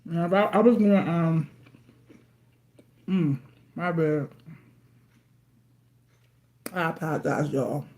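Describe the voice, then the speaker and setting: Speaking slowly in a low, darkish voice with frequent pauses, this tarot card reader livestreams from her home while the TV plays. She keeps it chatty and informal, munching as she goes and addressing her audience as y'all.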